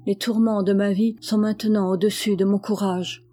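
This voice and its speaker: A woman's voice: medium pitch, flat delivery, moderate pace, warm tone, no room sound, close to an everyday voice. A woman voicing a desperate, guilt-stricken young wife in a novel audiobook, crying out her lines. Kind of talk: audiobook reading.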